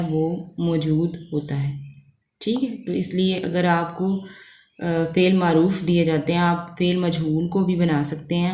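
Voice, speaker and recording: Low-voiced Pakistani woman teaching, echoey room. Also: mellow. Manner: patient, step by step, checks in with "okay" often. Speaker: Urdu teacher. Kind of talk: classroom lesson explanation.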